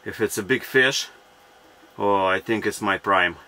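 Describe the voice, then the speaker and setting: A man in his thirties talking to camera from an ice-fishing tent, in broken non-native English and breaking into excited exclamations. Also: on the low side, a little slow. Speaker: fishing vlogger. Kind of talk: casual vlog narration to camera. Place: inside an ice-fishing tent on a frozen lake. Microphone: action camera mounted in the tent.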